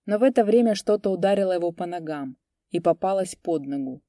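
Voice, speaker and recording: A woman narrating an audiobook story with measured, dramatic pacing. Her voice sits on the low side with a dark, mellow tone, recorded close and dry. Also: lively intonation, dry recording.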